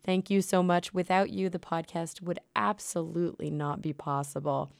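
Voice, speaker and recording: Woman podcast host, lower voice, slightly under the weather, brisk and upbeat, dry close sound. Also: creaky, no echo. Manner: brisk and upbeat, quick asides. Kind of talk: podcast intro and interview. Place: at a conference venue.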